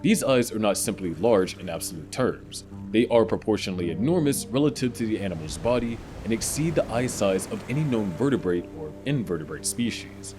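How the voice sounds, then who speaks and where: A man narrating a scripted nature documentary in a dramatic, measured, explanatory way. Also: on the low side, lively intonation. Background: music bed.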